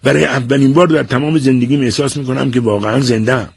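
A man reading an audiobook and voicing an eager, theatrical teenage boy who talks with excitement and dramatic declaiming. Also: medium pitch, creaky, husky, no room sound, clean studio sound, pitched above the performer's own voice. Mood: excited.

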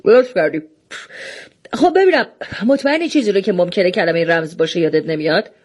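A woman's voice: lowish voice, expressive, darkish tone. A woman reading the lines of a rule-bound doorkeeper who apologizes but will not bend, in an audiobook. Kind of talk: audiobook dialogue.

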